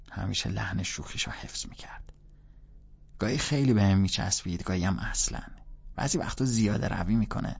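Male audiobook narrator, casual first-person storytelling; husky tone, slightly muffled recording. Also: on the low side, a little mellow.

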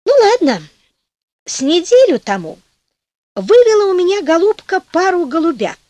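Storybook trickster: a wheedling, falsely meek peasant man with a high, sing-song voice, done by a woman. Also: big pitch swings, normal speed, mellow, dry recording. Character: sly flattering peasant rogue, man.

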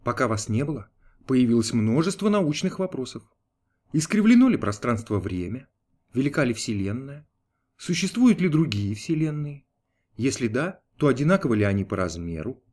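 A man's voice: medium pitch, sing-song, moderate pace, a little mellow. A man reading an audiobook, voicing a dutiful male archangel who answers politely and with restraint. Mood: deferential. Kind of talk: audiobook character voice.

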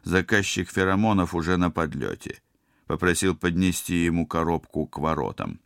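A man voicing a calm, firm middle-aged ship captain in an audiobook. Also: low voice, normal speed, creaky, no echo, studio quality.

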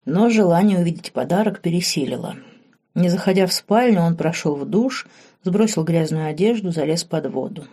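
A woman narrating an audiobook in a measured, expressive reading. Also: on the low side, husky. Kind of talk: scripted narration.

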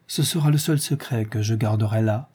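A man's voice: lowish voice, a little fast, mellow, slightly rough. A man reading an audiobook, voicing a dignified, earnest young suitor with a grave delivery. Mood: tender.

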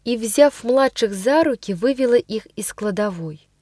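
A woman reads a story aloud with dramatic expression in a fairly high voice. The sound is close and dry, with no room around it. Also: expressive, a little slow, a little mellow, no room sound. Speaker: audiobook reader.

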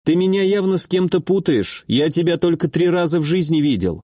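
A man voicing a calm young male summoner who gives brisk orders in an even tone. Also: fairly high pitch, no echo, studio quality, voice pushed up. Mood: puzzled.

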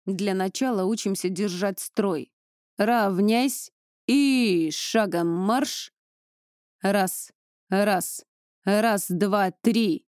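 A woman's voice: mid-range voice, very slow, darkish tone, smooth, dry recording, clean studio sound. A woman reading an audiobook, voicing a strict young male drill instructor who barks commands. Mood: commanding. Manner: barking commands.

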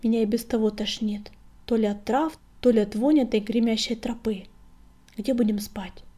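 A woman voicing a young ginger male warrior cat, a calm, thoughtful leader, in whispered role-play. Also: a little high, normal speed, natural voice.

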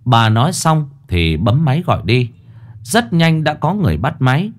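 A man's voice: mid-range voice, big pitch swings, moderate pace. A man narrating a ghost story with dramatic, scripted delivery.

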